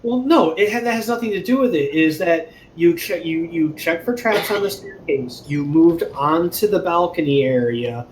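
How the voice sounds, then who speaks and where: Guy running the game, kinda high voice, explaining rulings, bit defensive, faint hiss. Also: expressive, normal speed, few pauses. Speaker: game master. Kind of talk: casual chat between game sessions.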